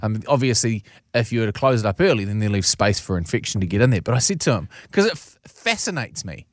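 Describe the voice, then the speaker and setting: A man's voice: lowish voice, lively intonation, quick pace, no echo, studio quality. A man with a broad New Zealand accent telling personal stories in casual, blokey, slangy chat as a show co-host.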